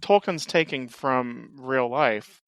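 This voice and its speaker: A man's voice: medium pitch, takes it slowly, no room sound. Male podcast co-host, emphatic, stammering restarts, dry close sound. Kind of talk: casual chat.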